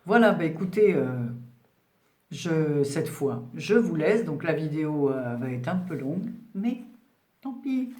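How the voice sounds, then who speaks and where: A woman's voice: low voice, expressive, measured pace, a little mellow, echoey room. A woman in her sixties chatting casually to her viewers as she unboxes craft parcels, rambling along with many fillers. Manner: rambling and chatty, full of "voilà" and "donc". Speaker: craft channel host. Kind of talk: casual unboxing chat to camera.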